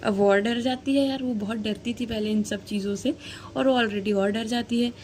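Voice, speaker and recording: A woman's voice: on the high side, steady tone, moderate pace, darkish tone, slight background noise. A woman narrating a story casually, chatty and slangy, talking to the listener like a friend.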